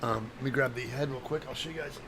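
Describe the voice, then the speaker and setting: A slightly hungover man with a phlegmy throat, hosting a casual craft livestream in a halting, distracted, apologetic way while he works and chats to viewers. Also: mid-range voice, fairly even intonation, gravelly, heavy background noise. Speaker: livestream host, craft demonstrator.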